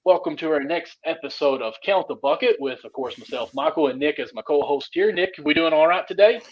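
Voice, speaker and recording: A man's voice: fairly high pitch, expressive, a little fast, lo-fi sound. A man from Kentucky, hosting a casual sports chat in a folksy, enthusiastic way. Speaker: podcast co-host.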